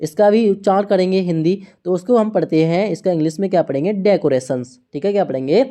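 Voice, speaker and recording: A woman teaching English words to students, speaking slowly and repeating each word, spelling them out letter by letter and asking questions she answers herself. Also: on the low side, warm tone. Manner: slow, repetitive teaching, frequent checks and questions to students. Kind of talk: online language lesson.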